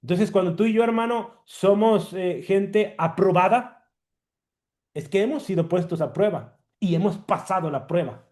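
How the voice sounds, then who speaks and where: A male preacher delivering a teaching sermon, repeating key words slowly and often checking in with the listeners. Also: high-pitched, darkish tone.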